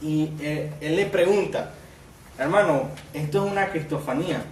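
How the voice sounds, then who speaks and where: A man's voice: fairly high pitch, moderate pace, roomy sound, distant mic, slight background noise. A man preaching a sermon as pastor, reading scripture aloud with rising emphasis and asking the congregation rhetorical questions. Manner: asks the congregation rhetorical questions and calls them brother.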